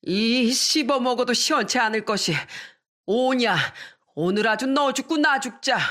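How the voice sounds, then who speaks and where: A woman's voice: mid-range voice, moderate pace, fairly bright tone, natural voice. A woman voicing a furious elderly grandmother who scolds her son-in-law bluntly. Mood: enraged. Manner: scolding, blunt old-fashioned speech.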